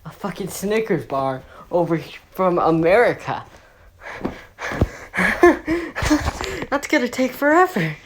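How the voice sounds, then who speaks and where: A woman's voice: lowish voice, big pitch swings, slow pace, long pauses, background noise. A woman voicing a bewildered group of cops who swear in disbelief. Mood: baffled. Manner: swearing, incredulous outbursts.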